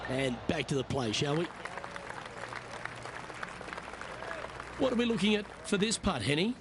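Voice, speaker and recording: A man voicing a measured, appreciative golf commentator in a video game, calling play as the lead announcer. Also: fairly high pitch, big pitch swings, noisy background. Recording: game music and crowd behind the voice.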